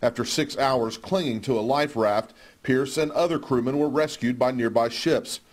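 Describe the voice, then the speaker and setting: A man's voice: mid-range voice, moderate pace. A man narrating a scripted television news story as a field reporter.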